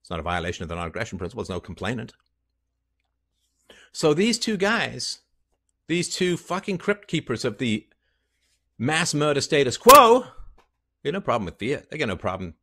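A man's voice: wildly swooping pitch, moderate pace, long pauses. A man in his fifties delivering an angry, sarcastic, profane solo rant on a headset mic in a small room. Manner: angry, sarcastic, profane, swings from low mutters to loud outbursts. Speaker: podcast host. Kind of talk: impassioned solo rant to camera. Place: small indoor room with plain wall.

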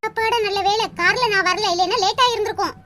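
A woman's voice: extremely high pitch, quick pace. A woman voicing a generous young girl in a cartoon, giggly and pleading. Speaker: cartoon voice actor. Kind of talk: Tamil cartoon dubbing. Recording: loud background hiss.

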